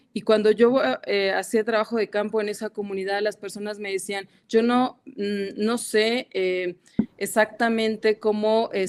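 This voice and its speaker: A woman with a smooth, mid-range voice and a Mexican Spanish accent speaks as a guest academic on a panel over a video call. Her delivery is hesitant, filled with fillers and restarts.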